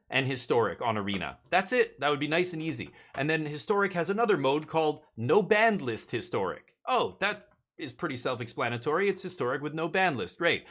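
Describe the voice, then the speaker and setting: A Canadian man chats casually on a live stream as he games, opinionated and blunt, swearing and stumbling over repeated words while he rants. His voice is a little high and a bit bright.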